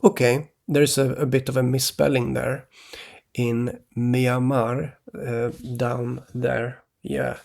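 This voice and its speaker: A man from Sweden, rambling in a halting monologue to his viewers, restarting often and tagging "okay?" onto his points. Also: mid-range voice, creaky, a little mellow. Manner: halting, many restarts, keeps adding "okay?". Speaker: vlogger.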